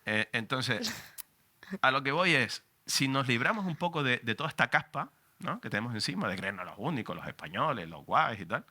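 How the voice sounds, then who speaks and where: Fiery Canarian man with bright voice. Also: mid-range voice, big pitch swings, moderate pace. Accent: Canarian Spanish. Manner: passionate, emphatic, frank and profane. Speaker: journalist and panelist. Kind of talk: public talk at a book presentation.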